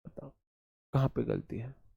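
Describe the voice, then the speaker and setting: A man's voice: medium pitch, unhurried, gravelly, husky, no room sound, narrow, tinny audio. A man with an Indian accent teaching an exam-prep English grammar lesson, repeating key points and quizzing his students.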